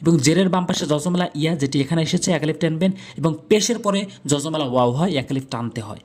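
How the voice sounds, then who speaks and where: A man teaching Quran recitation, spelling out Arabic letters syllable by syllable and reciting verses in a drawn-out chant. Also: fairly high pitch, darkish tone. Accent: Bangladeshi Bengali. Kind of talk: tajweed lesson with chanted recitation.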